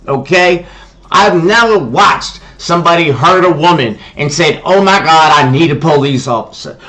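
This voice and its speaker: A man talks straight to his viewers on a livestream, preachy and emphatic. His voice sits a little higher than most men's, and he keeps checking in with a firm "okay?" as he makes his points. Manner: shouts at someone off-mic. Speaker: livestream host. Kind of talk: impassioned livestream monologue.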